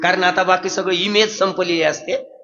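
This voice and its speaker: A man, preaching a devotional sermon as a lively storyteller who asks the crowd questions. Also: high voice, normal speed, music in the background. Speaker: kirtan preacher. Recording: dull lo-fi sound in a long-echo hall.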